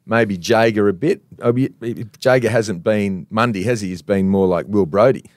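A man's voice: lowish voice, moderate pace, no room sound, studio quality. A man with an Australian accent, co-hosting a casual radio chat and telling stories with plenty of laughter. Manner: laughing, playful, animated storyteller. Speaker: co-host, TV reporter.

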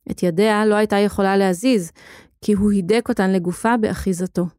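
A woman giving a steady, expressive scripted narration of a children's story. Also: medium pitch, no echo, studio quality.

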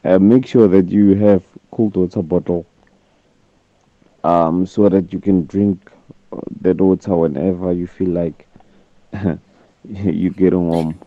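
A man's voice: sits low, steady tone, slow, pauses often, no echo. A man, a listener whose recorded voice message is played on air, giving advice hesitantly with fillers and chuckles. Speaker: listener sending in a voice note. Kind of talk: casual advice. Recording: dull lo-fi phone voice note.

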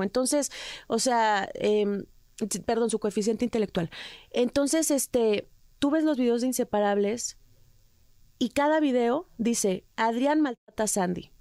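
Gravelly-voiced Mexican woman, earnest. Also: a little high, warm tone, no room sound, clean studio sound. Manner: earnest, emotional, frequent restarts. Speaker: interview guest. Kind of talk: candid personal interview.

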